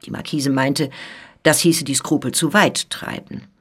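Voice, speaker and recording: A woman with a husky voice reading a classic novella aloud for radio with measured, expressive storytelling. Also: extremely low pitch. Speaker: reader.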